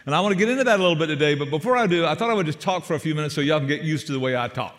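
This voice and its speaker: A man's voice: on the high side, lively intonation, very fast, a bit bright, big-room sound. An older man with a South Georgia accent preaching as a guest pastor, folksy and joking and calling for amens. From Savannah, Georgia. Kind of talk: sermon. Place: church sanctuary.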